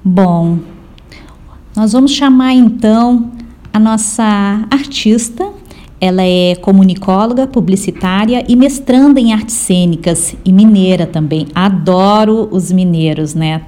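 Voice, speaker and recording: Brazilian woman podcast host, measured scripted intro, mellow tone. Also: mid-range voice. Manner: slow, measured reading.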